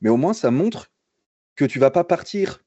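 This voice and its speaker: Young French guy, easygoing and jokey, mid-pitch voice, dry slightly muffled sound. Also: normal speed, no room sound. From France. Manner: relaxed, joking, many fillers and restarts. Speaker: guest concept artist. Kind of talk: casual storytelling in a livestream interview.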